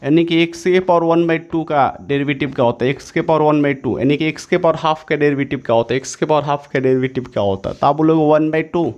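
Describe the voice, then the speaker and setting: A man's voice: fairly high pitch, fast, few pauses, a little mellow, muffled recording. A man teaching an exam-prep maths lesson, repeating each step several times and correcting himself as he goes. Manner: self-correcting, says sorry mid-explanation.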